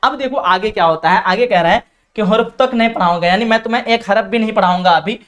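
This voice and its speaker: A woman teaching a literature lesson. She explains the text line by line, asks the class questions and answers them herself. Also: medium pitch. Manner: explains words by repeating the text slowly. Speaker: Urdu teacher.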